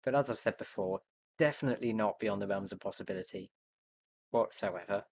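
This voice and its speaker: A man's voice: lowish voice, fairly quick, slight background noise. A young man streaming live, thinking aloud as he builds, hesitant and muttering to himself with many fillers. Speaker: livestreamer.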